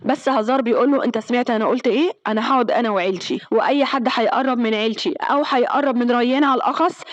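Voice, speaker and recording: A woman with an Egyptian Arabic accent races through a drama recap at breakneck speed, her voice sitting a little high. She reads each character's lines in her own voice, pitching up for the shouted ones. The close voice-over sound is dry and tight. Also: rapid-fire, no room sound, muffled recording. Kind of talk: rapid plot-summary narration.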